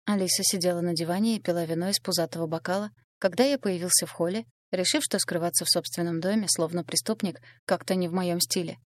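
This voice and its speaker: A woman reading a novel aloud in an even storytelling voice. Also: on the low side, quick pace, hardly any pauses, dry recording. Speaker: audiobook reader. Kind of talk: scripted novel narration.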